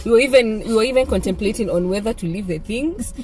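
Kenyan woman chatting fast in a car. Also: on the high side, darkish tone. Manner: quick, laughing, mixes languages. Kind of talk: casual chat with a friend. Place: inside a car.

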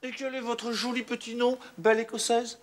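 A man's voice: very high-pitched, little pitch movement, normal speed. An actor playing a boastful man who mixes English into broken French and flirts in a smarmy way, in a sitcom. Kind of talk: sitcom acting.

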